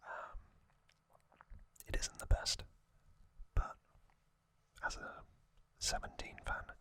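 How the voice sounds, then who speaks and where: A man in his thirties, hosting ASMR, quietly whispers relaxed fan commentary, taking it slowly with long breaks in between.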